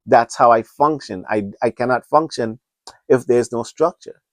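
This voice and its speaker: In a dry recording, a mid-range male voice moves at a moderate pace. The speaker, a man in his fifties from Trinidad and Tobago, hosts an unscripted solo podcast in an earnest, rambling way, with many restarts and urgent, preacher-like appeals.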